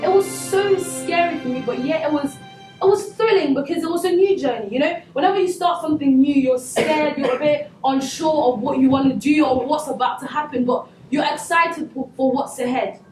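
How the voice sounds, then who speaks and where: A woman's voice: high-pitched, a little mellow. A young woman from Congo giving an earnest, conversational motivational talk to students at a school, with many fillers like "you know". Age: young adult. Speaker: guest speaker at a school. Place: school hall. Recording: echoey hall, distant mic, music behind.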